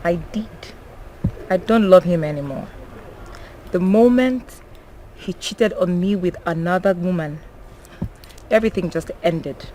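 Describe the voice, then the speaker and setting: An actress with a Nigerian accent playing a bitter, hurt wife in a film drama. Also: female voice, on the low side, a little slow, long pauses, warm tone, slight background noise, natural voice, low-quality recording. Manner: dismissive, bitter.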